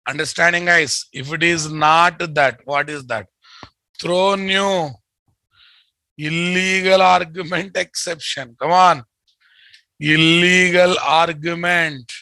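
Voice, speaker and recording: A man with a Telugu Indian accent gives a live coding lesson at an unhurried pace. His voice is fairly high and forceful, captured dry and close. He repeats key phrases and keeps checking that the students follow. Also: fairly even intonation, dry recording. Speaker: programming teacher.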